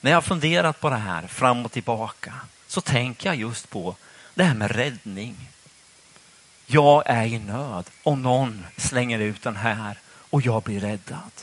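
A man's voice: medium pitch, fairly bright tone, breathy edge. A man preaching a sermon in church, asking the congregation questions in a conversational way.

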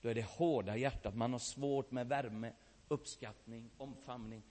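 A man preaching a sermon, telling a story with great feeling, swinging between loud outbursts and hushed, quiet passages. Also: medium pitch, steady tone. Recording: long reverb of a large hall.

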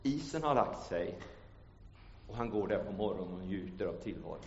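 A man preaching a sermon in a church. He shifts from hushed storytelling to loud, ringing calls. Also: sits low, expressive, a little hiss or hum. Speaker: pastor. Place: church hall. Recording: echoey church hall, dull lo-fi sound.

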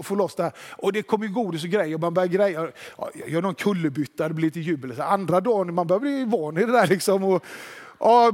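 A man preaching a sermon, telling a joke story with lively delivery and slowing down for emphasis. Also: high voice. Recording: long hall reverb.

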